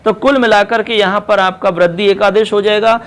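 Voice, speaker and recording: A man's voice: sits high, steady tone, fairly quick, fairly bright tone. A man teaching Sanskrit grammar for an exam, explaining step by step and repeating key terms as he addresses his students as children. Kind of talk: exam-prep lesson.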